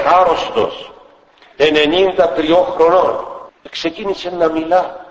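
Older Cypriot bishop preaching in a hall. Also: male voice, on the high side, muffled recording. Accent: Cypriot Greek. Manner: storytelling, acts out quoted dialogue. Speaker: Orthodox metropolitan bishop. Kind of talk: sermon with retold stories.

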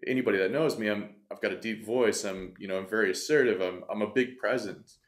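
A low-voiced coach, guesting on a podcast, talks fast as he candidly tells a personal story in conversation, earnest and reflective and often interrupting himself. He's in a bright indoor studio room, speaking into a desk mic on a stand.

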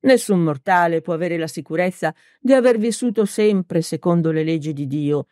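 A woman reading an audiobook, voicing a gentle country priest who speaks softly and soothingly. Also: fairly low pitch, moderate pace, no room sound, clean studio sound, close to an everyday voice. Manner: soft, soothing. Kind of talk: audiobook character voice.

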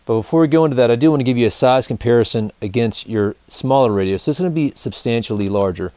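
A man in his thirties hosts a gear review show, demonstrating a product to camera in a casual, colloquial way and calling his viewers "guys." His medium-pitched voice has a dark tone, and the indoor studio with a backdrop sounds dry.

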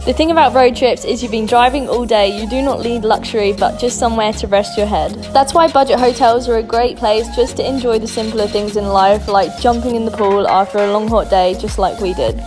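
A woman's voice: on the high side, a little fast, hardly any pauses. Australian woman narrating a travel vlog. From Darwin, Australia. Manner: chatty, upbeat, giving tips. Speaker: travel vlogger. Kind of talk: scripted travel voice-over. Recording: voice-over with loud background music.

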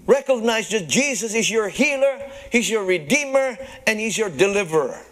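Man with a very high voice, pastor preaching, chuckles between phrases, calls to the congregation, halting restarts. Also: a bit bright. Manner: halting restarts and repeated words. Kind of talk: sermon. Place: church service before a live congregation.

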